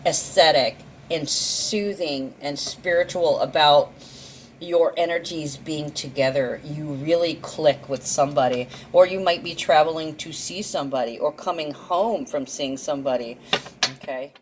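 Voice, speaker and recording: A woman with a low, slightly slow voice gives a casual, rambling tarot and astrology card reading, thinking aloud and correcting herself. A dental problem makes her articulation a bit off. The audio is poor, with slight background noise.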